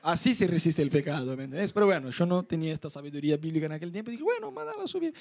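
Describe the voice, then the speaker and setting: A young man with a Rioplatense Spanish accent preaching an animated sermon to youth, acting out his stories and inner thoughts. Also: racing. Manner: lively storyteller, voices his own inner thoughts in high pitch. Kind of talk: animated sermon with acted-out anecdotes.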